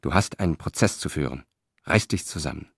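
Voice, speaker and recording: A man's voice: very deep voice, lively intonation, fairly quick, slightly rough, dry recording, clean studio sound, heavily acted. A man reading a stern, scornful Roman wife. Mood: firm. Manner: firm, clipped and cutting.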